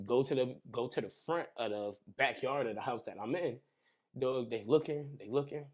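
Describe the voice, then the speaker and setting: Young man, podcast guest, casual chat, slang-heavy storytelling, sound effects, mid-pitched voice. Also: moderate pace. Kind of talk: casual conversation over drinks.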